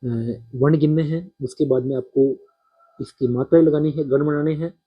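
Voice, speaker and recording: A man teaching a poetry-meter lesson, counting syllables aloud slowly and speaking directly to his students. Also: on the high side, steady tone, slightly rough, lo-fi sound.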